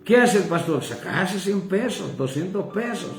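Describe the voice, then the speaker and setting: A man's voice: high-pitched, sing-song, measured pace, vocal fry. A man with a Mexican accent preaching a sermon as pastor, impassioned and calling listeners brother. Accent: Mexican Spanish. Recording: echoey room with faint guitar music.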